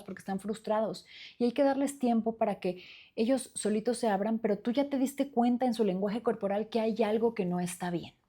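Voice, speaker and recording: A woman's voice: mid-range voice, warm tone. A woman, hosting a solo podcast and speaking earnestly and reflectively, with many fillers and restarts. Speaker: podcast host. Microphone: studio microphone.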